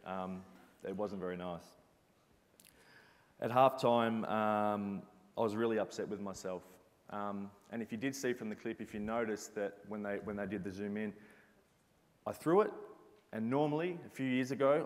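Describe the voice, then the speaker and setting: A man giving an earnest, reflective motivational talk as a former basketball captain. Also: lowish voice. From Australia. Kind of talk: motivational presentation. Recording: reverberant hall sound.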